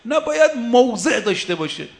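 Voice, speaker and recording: Man, preacher, high voice, emphatic short rhythmic lists, religious sermon. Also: sing-song, creaky. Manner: slowly intones Arabic verses.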